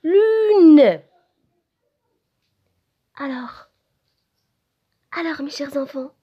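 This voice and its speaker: Slow sing-song woman teaching small children. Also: high-pitched, expressive, lo-fi sound. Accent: Moroccan French. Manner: slow, sing-song, spelling letters one by one. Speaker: preschool teacher. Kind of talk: recorded lesson for young children.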